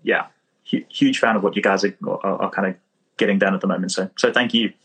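Man, South African accent, husky low voice, casual podcast guest, modest. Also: steady tone, fast talker, fairly bright tone. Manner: modest, self-deprecating, repeats words. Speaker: chiropractor guest.

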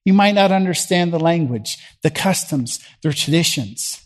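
A middle-aged man with a Southern US accent and a fairly high voice for a man delivers a sermon from a church platform, addressing the congregation conversationally and asking them questions. His intonation is lively and his pace moderate, swinging from loud emphasis down to quiet.

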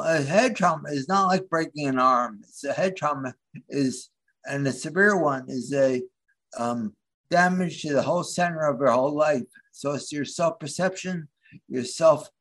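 Halting, soft-spoken man guest. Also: fairly high pitch. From Philadelphia area. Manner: halting, searching for words with many restarts. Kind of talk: interview conversation.

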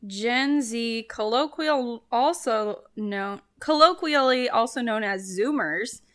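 Bright chatty woman in her thirties. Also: on the high side. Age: 30s. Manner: chatty, laughs easily, talks in loose run-on bits. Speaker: podcast co-host. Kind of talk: casual chat.

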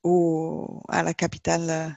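A woman from Switzerland interviewing a guest for a podcast, polite and pausing often with fillers. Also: deep voice, completely flat delivery, vocal fry, a little mellow, dry recording, muffled recording. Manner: polite, many filler pauses.

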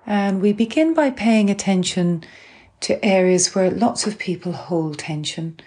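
A woman instructor calmly and gently guiding a grounding exercise, unhurried, with long pauses between phrases. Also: mid-range voice. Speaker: guided relaxation instructor. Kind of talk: calm guided grounding exercise.

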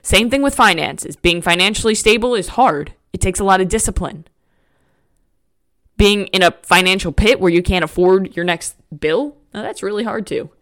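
A woman's voice: medium pitch, normal speed, a bit bright. A woman hosting a podcast, talking candidly in a motivational monologue with a frank, emphatic, casual manner. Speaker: podcast host.

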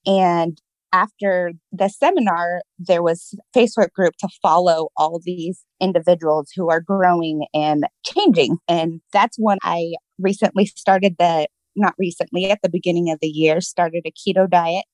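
A woman's voice: fairly low pitch, fairly even intonation, normal speed, darkish tone, no room sound, poor audio. A woman guest chatting casually, cheerful and positive, laughing often as she talks. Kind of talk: casual interview chat.

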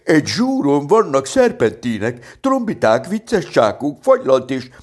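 A man reading a storybook, voicing a bouncy, hungry male tiger who speaks loudly and bluntly. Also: on the high side, wildly swooping pitch, voice pushed up. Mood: boisterous. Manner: loud, blunt.

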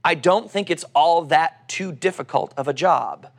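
A man's voice: a little high, unhurried. A middle-aged man with an Oklahoma accent gives a conversational sermon, teaching through scripture and posing rhetorical questions. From Oklahoma, United States. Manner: teacherly, asks rhetorical questions and answers them. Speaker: preacher.

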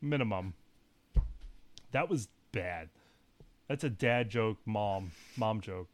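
A man's voice: lowish voice, lively intonation, slow pace. A man co-hosting a casual podcast, trading playful jokes and laughing often. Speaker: podcast co-host.

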